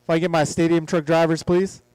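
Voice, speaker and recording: A man's voice: fairly high pitch, flat delivery, brisk, a little mellow, clean tone, no room sound, low-quality recording. A man announcing an RC car race at a track, calling out lineups and the action with casual jokes in between. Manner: casual, joking between calls. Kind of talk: live race commentary. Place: outdoor RC track.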